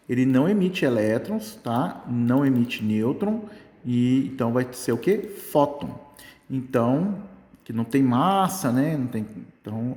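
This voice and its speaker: A man's voice: mid-range voice, mellow. Chatty male physics teacher in an echoey room. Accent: Brazilian Portuguese. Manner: chatty, keeps checking in with "tá?". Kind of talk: casual exam-prep lesson. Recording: echoey room with long reverb.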